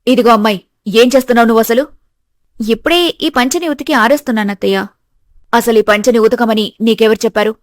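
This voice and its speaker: A woman voicing a stern, bossy middle-aged mother-in-law in an animated story, with a harsh, scolding manner. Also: fairly high pitch, quick pace, dry recording, clean studio sound, close to an everyday voice.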